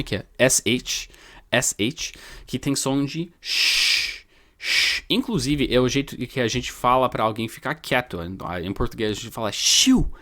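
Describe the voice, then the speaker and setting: A man's voice: medium pitch, fairly bright tone. Male English teacher drilling sounds. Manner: storytelling, spells letters out and repeats sounds slowly. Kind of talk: casual video lesson.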